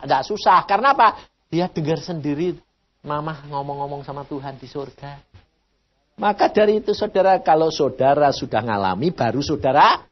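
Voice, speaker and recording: An older Indonesian-born man preaching a sermon, telling a family story and acting out the voices in it. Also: fairly high pitch. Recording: dull lo-fi sermon recording.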